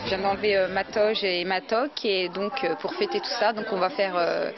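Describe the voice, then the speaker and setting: A young woman who just graduated, talking quietly with hesitant fillers. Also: medium pitch, fairly even intonation, fairly quick. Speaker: graduating student. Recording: muffled, distant, music behind.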